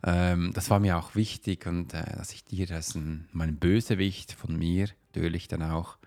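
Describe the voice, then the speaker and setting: A man's voice: low-pitched, steady tone, moderate pace, darkish tone. A man hosting a solo podcast, talking casually and encouragingly straight to the listener as a coach. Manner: informal, chatty and encouraging, addressing one listener familiarly.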